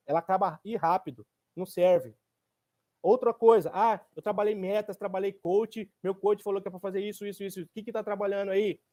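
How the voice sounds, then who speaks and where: A man's voice: high voice, mellow. A man, a therapist giving a workshop talk to an audience. He speaks emphatically and colloquially, firing rhetorical questions, answering them himself and repeating his points for stress.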